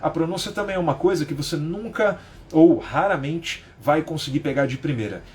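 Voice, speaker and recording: A man's voice: on the high side, brisk, darkish tone. Chatty Brazilian-raised man teaching live. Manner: chatty, explains with rhetorical questions and frequent "né?". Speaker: English teacher. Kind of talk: live-streamed lesson. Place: at home.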